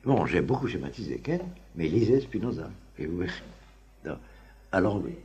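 A man teaching a class on the Talmud in an informal, halting lecture full of fillers and restarts. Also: deep voice, very animated. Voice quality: very husky voice. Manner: halting, many fillers and restarts, chuckles often.

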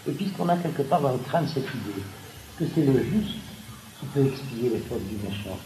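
Animated man lecturing in an echoey room. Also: medium pitch, normal speed. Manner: animated, frequent "hein?" asides and restarts. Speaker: seminar lecturer. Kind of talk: lively seminar lecture. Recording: echoey room with background noise.

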